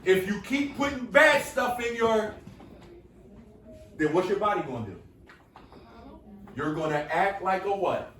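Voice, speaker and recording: A man's voice: high-pitched, lively intonation, a little slow, pauses often, fairly bright tone, slight background noise. A man leading a room of students in a call-and-response lesson, coaxing answers by repeating his questions with energy. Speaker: workshop speaker. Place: school classroom with students. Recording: echoey room from far off.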